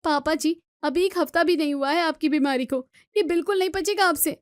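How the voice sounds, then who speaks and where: Woman as a worried, scolding young bahu, high voice, dry sound. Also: a little fast, no echo, close to an everyday voice. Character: exasperated young daughter-in-law.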